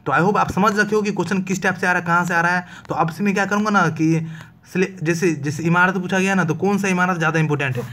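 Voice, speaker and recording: Talkative teacher, a man with a fairly high voice. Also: steady tone, quick pace, bright, forceful tone. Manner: talkative, keeps asking "clear?". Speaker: exam coaching teacher. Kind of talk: casual online exam-prep lesson.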